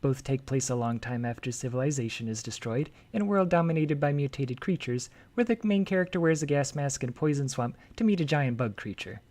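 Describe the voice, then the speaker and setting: A man hosting a game translation comparison video reads game lines aloud and keeps interrupting himself to remark on them with sudden excitement. His medium-pitched voice is lively and jokey, fairly quick, with few pauses.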